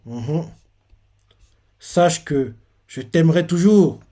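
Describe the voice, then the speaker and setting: A gentle young woman near death speaks softly and affectionately to the one she loves, as a man reads her lines aloud. The voice sits a little high and sounds mellow and warm. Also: animated, very slow. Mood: tender.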